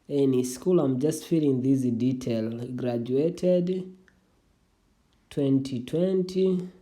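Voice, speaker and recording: Speaking in a dark-toned, medium-pitched voice, a young adult tutorial vlogger whose first language is Swahili casually walks through an online application. The delivery is halting with many restarts, and viewers are greeted as "family."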